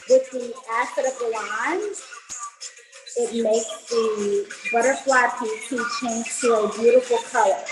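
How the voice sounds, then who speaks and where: A woman hosting a casual online cocktail class, chatty and upbeat, explaining each step as she mixes. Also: a little high. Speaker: mixology instructor. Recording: echoey room with faint noise.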